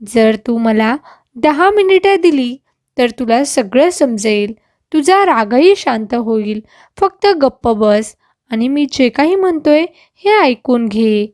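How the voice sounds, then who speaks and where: A woman voicing a calm, patient young husband who speaks soothingly. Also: a little high, takes it slowly, no room sound, clean studio sound.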